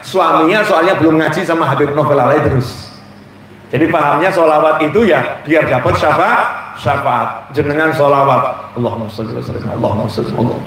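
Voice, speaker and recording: A man preaching a humorous religious sermon in with a tinge, lively and joking as he draws the audience in. His voice sits high for a man and reaches the mic from a distance. A very echoey hall surrounds him, with a faint wash of background noise.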